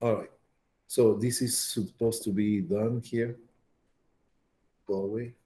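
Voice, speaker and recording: Mellow-voiced man lecturing a class. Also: on the low side, steady tone, takes it slowly. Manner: repetitive, checks in with students often. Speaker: pharmacology lecturer.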